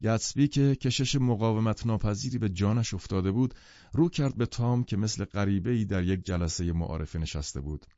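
A man narrating an audiobook in an expressive storytelling manner. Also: lowish voice, no echo. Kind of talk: scripted narration. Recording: dull, dry lo-fi audiobook recording.

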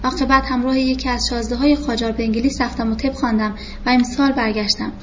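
A woman's voice: on the high side, steady tone, dull audio, a little hiss or hum, natural voice. A woman reading the lines of a polite, slyly playful male doctor in his thirties, speaking formally. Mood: courteous.

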